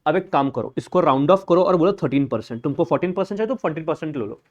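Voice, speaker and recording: A high-pitched man lectures a live class. He talks in a brisk, blunt and informal way, teasing his students as he works through each step. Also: animated, highs cut off. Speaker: accounting lecturer.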